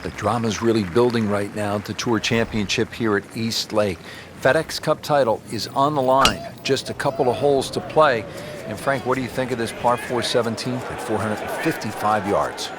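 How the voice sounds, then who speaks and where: Actor as male golf commentator, game broadcast, measured announcer delivery, medium pitch, audible crowd and background noise. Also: natural voice. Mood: measured, admiring. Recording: loud crowd and outdoor ambience behind. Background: golf crowd ambience.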